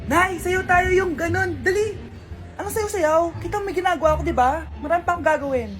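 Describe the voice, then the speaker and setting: A woman's voice: very high voice, brisk. A woman acting out comedy skits, switching between a mother, her child and other characters. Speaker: comedy skit creator playing several roles. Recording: music playing behind.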